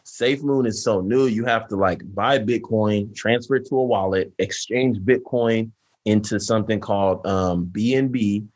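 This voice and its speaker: A young man co-hosting a casual podcast, explaining things in a loose, animated way full of "like" and "you know what I'm saying". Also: fairly low pitch, normal speed, lo-fi sound. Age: young adult. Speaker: podcast co-host. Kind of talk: casual chat.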